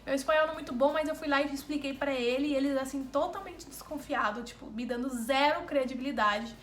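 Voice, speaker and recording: This Brazilian vlogger's travel mishap story comes out fast and animated, casual in tone, with words repeated for emphasis. Her voice sits high, and the room is echoey.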